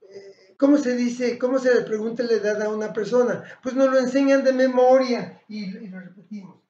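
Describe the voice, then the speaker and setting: A man teaching a language lesson, explaining slowly and deliberately, pausing and correcting himself mid-sentence. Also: very high-pitched, warm tone. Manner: slow, deliberate, with pauses and self-corrections. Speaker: English teacher. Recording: echoey, dull lo-fi room sound.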